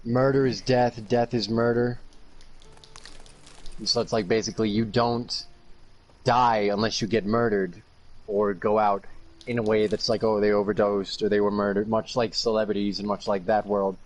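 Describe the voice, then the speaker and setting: A man's voice: lowish voice, little pitch movement, normal speed, low-quality recording. A man co-hosting a podcast in casual chat, rambling in a sardonic way and swearing casually. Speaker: podcast co-host.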